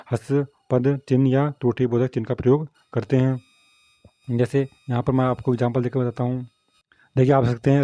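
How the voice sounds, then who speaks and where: A man's voice: mid-range voice, warm tone, no room sound, lo-fi sound. A man teaching a Hindi grammar lesson, explaining punctuation marks and often asking whether students understood. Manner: repetitive, asks "samjhe?" often.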